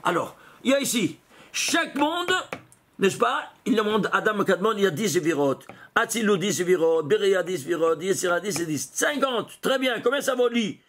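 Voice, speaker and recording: A man's voice: expressive, fairly bright tone. A man, a rabbi, giving a Kabbalah lesson, pointing out diagrams and asking rhetorical questions that he answers himself. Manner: keeps saying "alors" and "vous voyez" to the class; pitch and pace jump around a lot, now slow and stressed, now rushed. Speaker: rabbi teaching Torah. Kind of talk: Kabbalah lesson explaining diagrams and letter numbers.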